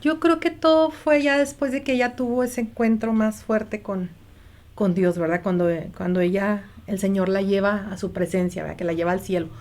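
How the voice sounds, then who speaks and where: A woman's voice: mid-range voice, steady tone, normal speed, darkish tone. A woman, a mother telling her story earnestly in a conversation and acting out the quoted lines. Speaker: guest, mother sharing testimony. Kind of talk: conversational testimony.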